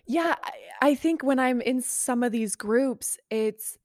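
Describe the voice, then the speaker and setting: A woman's voice: high voice, slow, darkish tone, dry recording, studio quality. A woman hosting a podcast interview, effusive and enthusiastic in how she talks. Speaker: podcast host.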